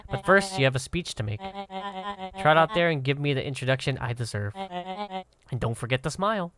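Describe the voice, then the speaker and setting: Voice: medium pitch, expressive, normal speed, a bit bright, faint music behind, close to an everyday voice. A streamer acting out a pompous scheming villain monologue. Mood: scornful, commanding. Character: smug, scheming villain mastermind in a child's body. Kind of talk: acted reading of story game dialogue.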